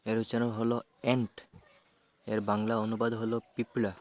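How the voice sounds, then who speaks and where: A man teaching vocabulary, spelling out English words letter by letter and giving their Bengali meanings in a measured, even way. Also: medium pitch.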